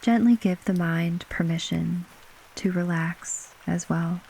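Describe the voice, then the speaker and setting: Slow, soothing woman narrating a sleep story. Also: lowish voice, vocal fry, slightly rough, poor audio. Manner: gentle, unhurried, with long pauses between short phrases. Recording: steady rain ambience behind voice. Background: rain falling.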